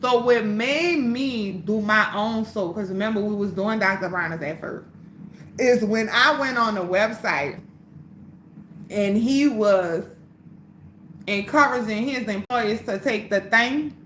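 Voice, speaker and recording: A woman's voice: mid-range voice, unhurried, fairly bright tone, roomy sound, slight background noise. Fired-up, profane woman livestreaming. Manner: blunt, profane, fired-up pep talk. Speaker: livestream host. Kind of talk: casual livestream talk to viewers.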